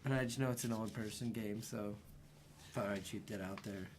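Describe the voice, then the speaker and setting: A man's voice: fairly low pitch, fairly even intonation, normal speed, background noise. A young man co-hosting a casual sports podcast, joking around and peppering his talk with "like". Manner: jokey, laughs often, uses "like" a lot. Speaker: podcast co-host.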